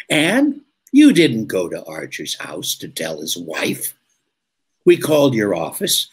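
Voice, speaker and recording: In the style of a 1940s radio drama, a male actor with a husky, mid-range voice plays a suspicious police lieutenant. His questioning is blunt and insistent.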